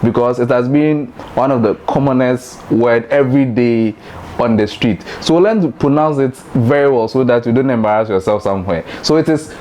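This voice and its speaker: A man with a Ghanaian accent hosting a light educational talk, playful and laughing, jumping into high mock voices. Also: normal speed, darkish tone, a little hiss or hum. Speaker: host.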